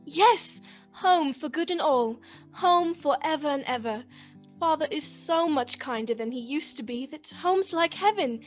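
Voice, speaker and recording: Radio drama role: devoted little sister, extremely high, gushing and eager, faint music behind. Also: female voice, animated, unhurried. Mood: joyful. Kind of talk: theatrical radio play acting.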